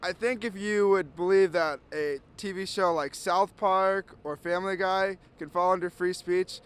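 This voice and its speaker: A man's voice: high voice, fairly even intonation, normal speed, clear, resonant tone. A young man giving a hesitant off-the-cuff opinion in an outdoor street interview.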